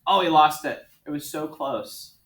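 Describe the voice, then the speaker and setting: A man teaching a math class, walking students through problems with brisk, coaxing questions. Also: fairly high pitch, gravelly, fairly bright tone.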